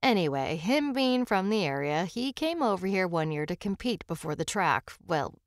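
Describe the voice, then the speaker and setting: A woman's voice: lowish voice, sing-song, normal speed, no room sound, clean studio sound. A woman voicing a talkative small-town father who rambles folksily through his racing memories. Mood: reminiscing. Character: chatty small-town father recalling old racing days.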